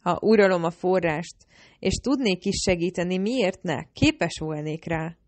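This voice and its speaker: Egy nő, aki élénken, kifejezően olvas fel egy hangoskönyvet egyes szám első személyben. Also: female voice, on the low side, a little mellow, no echo. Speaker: audiobook narrator. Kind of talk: first-person audiobook narration.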